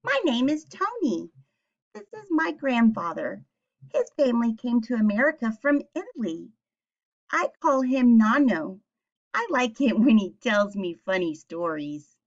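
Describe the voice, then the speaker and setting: Reading a picture book to young kids, a female teacher speaks in a slightly high, very animated voice without hurrying. She poses simple questions and explains things clearly. The audio sounds dull.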